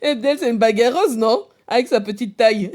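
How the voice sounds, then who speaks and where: A woman's voice: fairly high pitch, lively intonation, a little fast, darkish tone. A woman hosting a live stream, teasing, laughing often and asking her viewers questions. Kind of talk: mocking live commentary.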